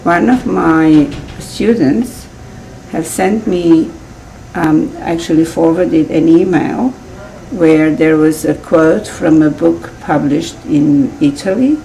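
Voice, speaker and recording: A woman's voice: low-pitched, slow, vocal fry, mellow, slight background noise, poor audio. A woman with a Serbian accent, a guest in an interview, telling her story in a chatty way with frequent laughs. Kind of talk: casual interview chat.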